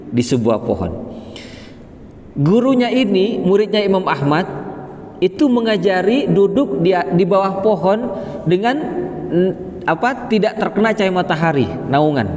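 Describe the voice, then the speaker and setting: Male preacher, slightly high voice, lively sermon delivery, long mosque reverb. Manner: lively, rising pitch for emphasis, Arabic quotations. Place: mosque hall.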